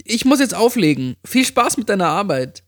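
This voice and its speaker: A man's voice: high-pitched, big pitch swings, normal speed, dry recording, studio quality, pitched above the performer's own voice. A man voicing a cheerful, slightly tipsy young woman calling a friend on the phone. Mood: bubbly. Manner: bubbly, a little tipsy.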